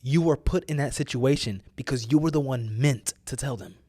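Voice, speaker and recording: A man's voice: mid-range voice, moderate pace, dark tone, husky, dry recording, clean studio sound. American man preaching with emphatic urging. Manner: exhortative, emphatic, repeats phrases for effect; casual youthful slang. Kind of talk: motivational preaching, informal.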